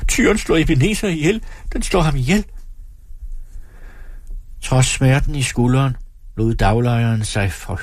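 Male audiobook narrator, husky and low, measured delivery, dry close mic. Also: no echo. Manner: steady, measured reading.

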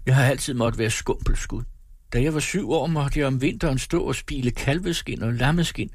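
A man voicing a homesick teenage apprentice boy who complains and pleads in a wounded way, read in a husky voice. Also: medium pitch, dry recording, studio quality, pitched above the performer's own voice, natural voice. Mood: plaintive.

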